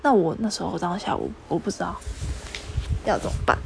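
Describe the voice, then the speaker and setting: Gravelly-voiced woman telling a story. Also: lowish voice, fairly quick, a little hiss or hum. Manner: animated storytelling, pressing her husband to admit fault. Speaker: podcast co-host. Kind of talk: casual chat.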